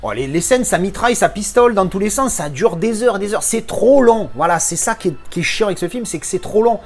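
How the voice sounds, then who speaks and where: French guy ranting about a movie, high voice, swears a lot, keeps restarting. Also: animated, fairly quick. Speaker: film reviewer. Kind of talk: casual spoken film review.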